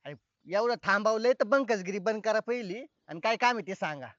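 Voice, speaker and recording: An actor playing an impatient man who shouts and demands answers. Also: high voice, animated, a little fast, dry recording. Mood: irritated. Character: impatient man stopped on the road, irritable. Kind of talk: comic web film acting. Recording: dull, dry film sound.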